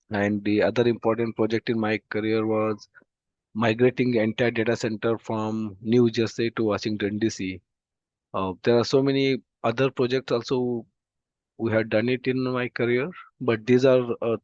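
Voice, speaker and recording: A slow, halting man with a sore throat, an Indian English-speaking database course instructor, gives an online demo lecture on a video call. The throat infection makes his voice unclear, and he uses many "uh" fillers. His voice is lowish and darkish, and his computer mic captures dull, dry audio.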